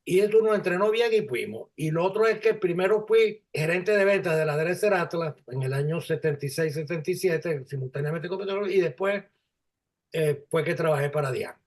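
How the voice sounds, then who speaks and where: Older Venezuelan man, halting reflective talk. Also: a little high. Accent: Venezuelan Spanish. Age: 70s. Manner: halting, reflective, with frequent restarts. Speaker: guest. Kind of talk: conversational interview.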